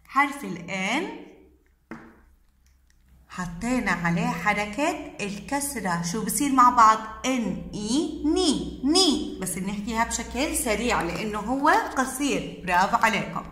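A woman's voice: a little high, expressive, normal speed, bright, forceful tone, roomy sound, a little hiss or hum. A woman, teaching young children letters and syllables in a sing-song voice and praising them often. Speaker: kindergarten teacher.

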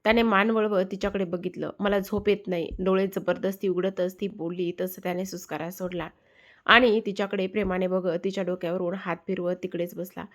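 Low, flat-voiced woman narrating a story. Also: brisk.

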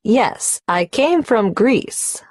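A woman playing a tax number applicant in a scripted exam listening dialogue, speaking in a measured, careful way. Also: a little high, animated, darkish tone, no echo, studio quality.

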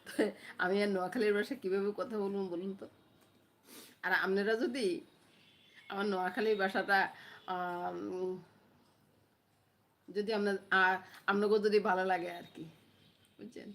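A woman's voice: medium pitch, fairly even intonation, moderate pace, long pauses, a bit bright. Chatty middle-aged woman. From Noakhali, Bangladesh. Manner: chatty, often asks viewers "understand?". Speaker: vlogger. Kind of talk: casual chat to viewers. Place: home. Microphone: phone camera.

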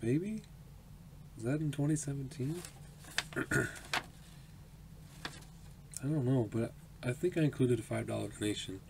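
A man's voice: medium pitch, lively intonation, measured pace, creaky, long pauses. A man in his twenties, chatty and upbeat, opening his mail for a home vlog, laughing often and saying um a lot. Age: 20s. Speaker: autograph collecting channel host. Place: small home room, indoors. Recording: noisy home recording.

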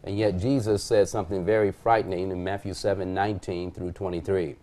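A middle-aged male pastor with a deep, mellow voice speaks fairly quickly and flatly from a desk on a TV studio panel. He reads Bible verses aloud and poses rhetorical questions, then answers them himself.

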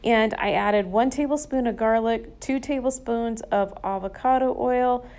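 A woman's voice: on the high side, measured pace, a little mellow. Chatty woman narrating home cooking. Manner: chatty, enthusiastic, folksy. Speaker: cooking vlogger. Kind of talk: casual cooking voice-over. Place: home kitchen.

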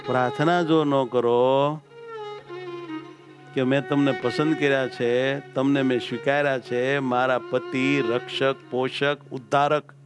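A man's voice: medium pitch, little pitch movement, measured pace, over music. A man with a Gujarati accent, a swami giving a scripture discourse to a temple assembly, preaching emphatically and repeating key phrases. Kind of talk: sermon.

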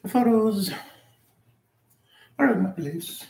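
A woman's voice: mid-range voice, animated, slow, vocal fry, a little mellow. A woman talking casually in a rambling home vlog, chuckling often as she lies down at home. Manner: chuckles often, loose and meandering. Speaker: vlogger and karaoke singer. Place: at home, lying down. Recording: roomy home recording with faint ambience.

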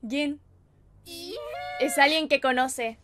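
High-voiced excitable Chilean woman. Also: slow pace, a crowd in the background. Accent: Chilean Spanish. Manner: excitable, gasps, squeals and chatters to viewers. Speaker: anime reaction channel host. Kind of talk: casual reaction commentary. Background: anime episode audio and music.

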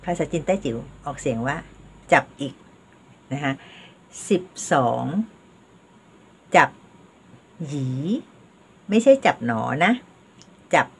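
An older woman leads a home language lesson at an unhurried pace. Her voice is breathy and lowish, and her pitch rises and falls a lot as she coaches listeners through slow counting drills. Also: lively intonation. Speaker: Teochew language teacher.

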